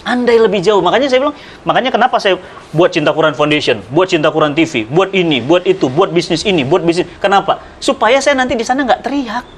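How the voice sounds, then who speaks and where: A middle-aged man preaching in conversation, telling religious stories with dramatic swings in pitch and loudness and speaking straight to his listener. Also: animated, quick pace, slight background noise. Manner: addresses listener directly, persuasive. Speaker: Islamic preacher. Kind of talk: animated religious storytelling in conversation.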